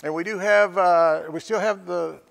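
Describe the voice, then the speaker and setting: Guy running a live auction, folksy, high scratchy voice, big echoey hall. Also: fairly even intonation, normal speed, gravelly, fairly bright tone. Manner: folksy, repeats prices and phrases. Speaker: live stream auctioneer and host. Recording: echoey hall with long reverb.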